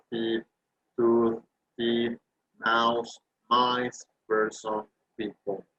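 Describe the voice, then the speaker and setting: Slow patient man teaching grammar. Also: mid-range voice, dull audio. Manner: patient, drawn-out examples, rising on English words. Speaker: English teacher. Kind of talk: explaining grammar in Spanish.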